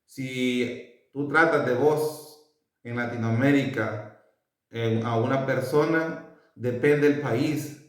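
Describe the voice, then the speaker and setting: Slow Salvadoran man teaching, echoey room. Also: mid-range voice. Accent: Salvadoran Spanish. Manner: slow, repeats each word for learners. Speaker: language teacher. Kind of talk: casual spoken lesson. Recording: very echoey room, voice far from mic.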